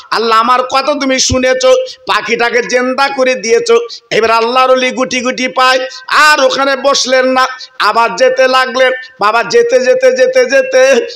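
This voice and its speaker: A Bengali-accented male preacher tells a saint's story in a rhythmic, sing-song sermon, often breaking off with short rhetorical asides. His voice sits very high and sounds bright and ringing.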